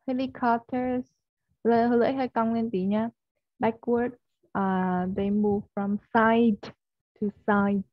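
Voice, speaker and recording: A woman teaching English online, a Vietnamese speaker who models each stressed word and keeps asking whether her student follows. Her voice sits at a middle pitch and sounds dry and slightly muffled, as if on a video call. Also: no echo. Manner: coaxing, keeps checking with "yes or no?" and modelling stressed words. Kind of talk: one-on-one online English lesson. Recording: slightly dull, dry audio.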